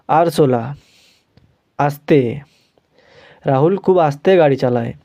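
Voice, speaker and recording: A man with an Indian accent teaching a language lesson, patiently repeating sounds slowly for learners. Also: on the high side, dark tone.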